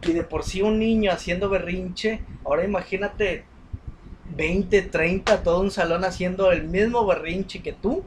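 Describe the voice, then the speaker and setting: A man's voice: sits high, a little slow, a little hiss or hum, poor audio. A young man telling a story in casual chat, with many fillers and restarts. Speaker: podcast co-host.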